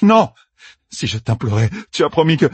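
A man's voice: very deep voice, moderate pace, breathy edge, dry recording, exaggerated voice. Man doing a young hero crying out in anguish. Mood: pleading. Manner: desperate shouting.

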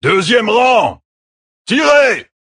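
A man voicing a male commander who shouts volley orders to his crossbowmen in a storybook reading. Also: extremely high pitch, sing-song, very slow, slightly rough, pitched above the performer's own voice, exaggerated voice. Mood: shouting orders.

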